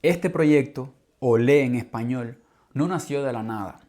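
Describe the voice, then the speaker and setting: A man from Cuba, a language teacher with a Cuban Spanish accent, hosts a podcast for Spanish learners. He reads a script calmly and clearly at a measured pace, his voice at an everyday middle pitch.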